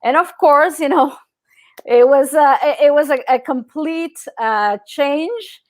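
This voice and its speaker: A woman's voice: high-pitched, lively intonation, slow, a little hiss or hum. A middle-aged woman from El Salvador, a guest speaking casually in an interview, with many fillers and restarts.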